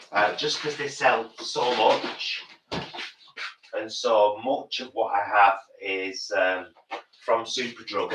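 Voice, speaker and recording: A British man in his early fifties, a campy drag queen chatting casually and thinking aloud during a live makeup session. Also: mid-range voice. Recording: roomy, distant, noisy background.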